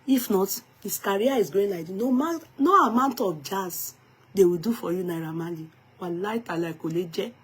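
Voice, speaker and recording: A woman's voice: medium pitch, expressive, normal speed, breathy edge. A woman with a Nigerian accent giving emphatic gossip commentary in a vlog, slipping into pidgin and Yoruba phrases. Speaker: vlogger.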